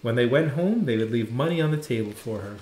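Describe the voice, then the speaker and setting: Male storybook reader, expressive and lively in pitch; roomy, echoey recording. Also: fast, slight background noise. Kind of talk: reading a picture book aloud. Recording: roomy echo.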